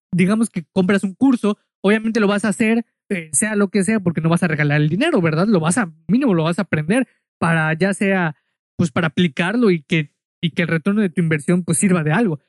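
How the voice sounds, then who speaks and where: A man's voice: sits high, brisk, no echo, studio quality. A man from Mexico with a Mexican accent, casually telling a story in a monologue, chatty and full of asides, speaking straight to the listener.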